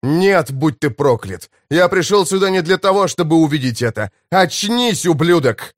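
A man voicing a desperate, furious male captain who shouts and pleads. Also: fairly high pitch, big pitch swings, a little slow, no room sound, studio quality. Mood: desperate anger.

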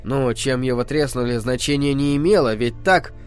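A man reading a novel aloud as narrator, with measured, expressive storytelling. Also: medium pitch, clean tone, faint music behind. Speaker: audiobook narrator. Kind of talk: scripted narration.

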